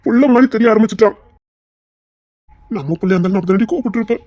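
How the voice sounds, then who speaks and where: A woman's voice: medium pitch, warm tone, no room sound, natural voice. A woman playing a remorseful young husband. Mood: pleading. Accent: Tirunelveli Tamil. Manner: pleading, repeats apologies rapidly. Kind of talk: amateur web-series drama acting.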